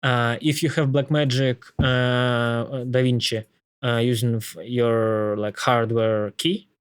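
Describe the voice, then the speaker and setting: Male, Slavic accent, casual tech talker, mid-range voice, halting and repetitive delivery, close dry sound. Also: medium pitch, level tone, clear, resonant tone, no room sound. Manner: halting, thinking aloud with frequent repetitions.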